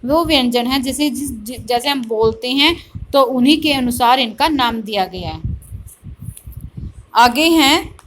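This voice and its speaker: A middle-aged woman teacher giving a grammar lesson, explaining slowly and asking rhetorical questions as she goes. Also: high-pitched, low-quality recording. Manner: slow, explanatory, repeats "theek hai" and asks rhetorical questions. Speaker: school teacher. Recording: faint background noise and clicks.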